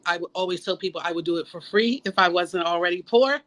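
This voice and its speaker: A woman's voice: fairly low pitch, fast, fairly bright tone, poor audio. A woman guest on a panel talk show, chatty and joking as she plugs her projects. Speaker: documentary maker and game show host, panel guest.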